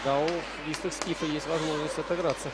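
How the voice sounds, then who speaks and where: A man's voice: on the high side, flat delivery, a little fast, very noisy. A man working as a hockey commentator, giving live sports commentary.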